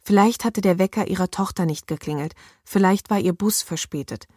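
A woman's voice: mid-range voice, fairly quick, dark tone, husky, no echo. Woman narrating an audiobook, dry. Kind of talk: scripted narration.

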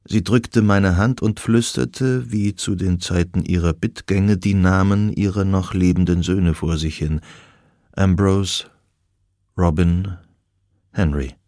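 A man reading a historical novel aloud in the first person, in a measured, even narrating manner. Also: deep voice, no room sound, clean studio sound. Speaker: audiobook narrator.

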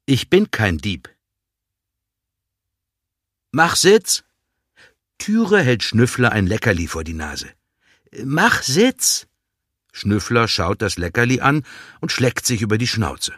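A man reading a children's storybook aloud, with a slow, expressive delivery. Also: on the low side, no echo, studio quality. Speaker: narrator.

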